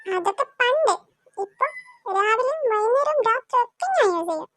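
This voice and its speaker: A woman's voice: extremely high pitch, animated, normal speed, a bit bright, no echo. A woman voicing a cheeky, whiny little girl who teases her older sister in a cartoon. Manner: whiny, teasing. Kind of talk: cartoon voice acting.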